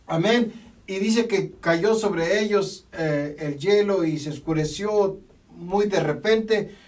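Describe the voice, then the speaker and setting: A man preaching a sermon, emphatic and repetitive, often pausing to say amen. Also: high-pitched, a little mellow. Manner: emphatic, repeats phrases, punctuates with "amén". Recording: voice from a distance from the mic.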